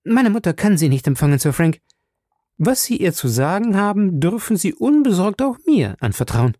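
A man's voice: sits high, very animated, normal speed, mellow, no room sound, studio quality, pitched above the performer's own voice. A man voicing a defiant young woman in a detective audiobook, who speaks sharply and emotionally. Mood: cool, sharp.

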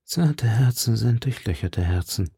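A man voicing a calm, world-weary musketeer in an audiobook reading. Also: medium pitch, a little slow, husky, no echo, clean studio sound, exaggerated voice. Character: brooding weary male musketeer, cynical. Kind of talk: audiobook character voice.

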